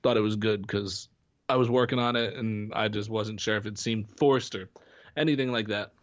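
A man's voice: lowish voice, steady tone, moderate pace, no room sound, lo-fi sound. A man co-hosting a podcast in casual chat, rambling with many restarts and fillers. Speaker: podcast co-host. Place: home in Florida.

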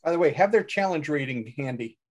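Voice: medium pitch, expressive, brisk, slightly rough. A player at a tabletop game playing a cleric, joking and bantering casually with the table. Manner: joking, playful.

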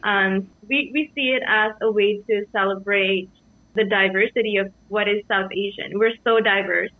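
A young woman from Sri Lanka, a dance company co-founder, answering interview questions in a measured, reflective way. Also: mid-range voice, steady tone, no room sound. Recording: dry, tinny phone-like sound.

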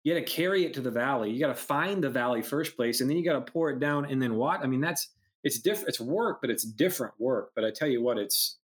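A man's voice: medium pitch, fast talker. A man, an entrepreneur and mentor, talking casually in a conversation and acting out customers while he tells stories. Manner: animated storyteller, acts out quoted customers, swears, many restarts.

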